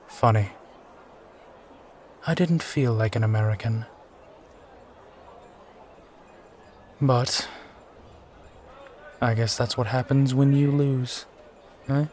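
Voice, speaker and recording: A man acts out a brooding sky pirate captain from a steampunk roleplay, speaking at a very unhurried pace. He is a courtly, charming old soldier who rambles wistfully and sighs, with noticeable ambient noise around him. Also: medium pitch, darkish tone, close to an everyday voice. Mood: bitter, weary. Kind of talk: immersive one-sided roleplay audio acting.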